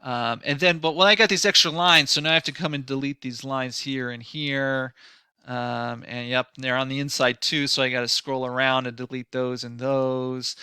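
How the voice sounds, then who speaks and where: A man teaching a design class through a screen-recorded software tutorial. He thinks aloud in a loose, conversational way, with many fillers and restarts and a touch of sarcasm. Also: mid-range voice, fairly even intonation, moderate pace, clean tone, no room sound, studio quality. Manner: mildly sarcastic at times. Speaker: design instructor.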